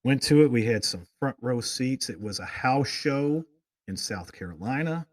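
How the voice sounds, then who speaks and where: A man's voice: mid-range voice, animated, normal speed, no room sound, clean studio sound. Rambling, enthusiastic male talk show host. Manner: rambling storyteller, goes off on tangents; enthusiastic, gushing fan. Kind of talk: casual chat.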